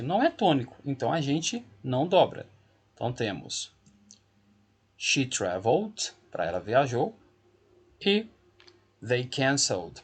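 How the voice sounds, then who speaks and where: A man's voice: medium pitch, breathy edge. A man teaching an English grammar lesson to school students, explaining patiently and repeating key points to reassure them.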